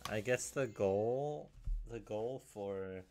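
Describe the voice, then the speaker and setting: A young man chatting casually to camera in a deadpan, rambling way, often restarting his sentences. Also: lowish voice, takes it slowly, soft background music. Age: young adult. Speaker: video creator. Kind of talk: casual solo chat.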